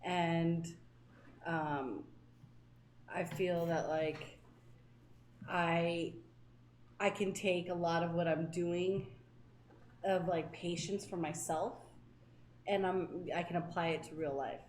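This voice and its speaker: A woman's voice: lowish voice, fairly even intonation, slow pace, long pauses, darkish tone. A young woman co-hosting a podcast and chatting casually about being a dungeon master, earnest and teasing. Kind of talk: casual chat. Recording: echoey room with faint hiss.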